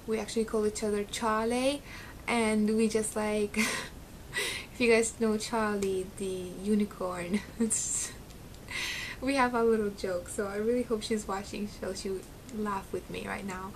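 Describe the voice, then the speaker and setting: Seated facing a close webcam in her small bedroom, a young adult beauty vlogger from Syria talks casually with a slight Arabic accent, giggling and using plenty of ums. Her medium-pitched voice is steady and measured, with a little hiss or hum in the recording.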